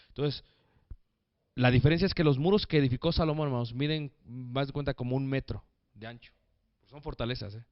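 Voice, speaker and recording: A man preaching a lively sermon, joking with the congregation and calling them brothers. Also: mid-range voice, smooth, no echo, muffled recording.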